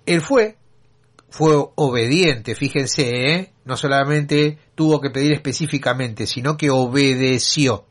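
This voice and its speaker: A man's voice: mid-range voice, unhurried. A man with a Rioplatense accent, hosting a show and telling a story straight to his listeners, often asking them rhetorical questions. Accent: Rioplatense Spanish. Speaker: show host. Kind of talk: storytelling talk to an audience.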